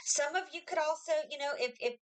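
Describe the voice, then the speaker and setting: A woman's voice: sits high, fast, rough recording. A woman reading tarot cards for viewers in a chatty, reassuring way, with many fillers and restarts. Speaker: tarot reader.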